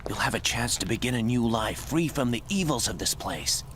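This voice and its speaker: An actor playing a determined, desperate warrior prince defying fate in a video game cutscene, with intense, dramatic delivery. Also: male voice, mid-range voice, animated, a little fast, a little hiss or hum, natural voice. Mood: grave, persuasive. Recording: loud music behind the voice.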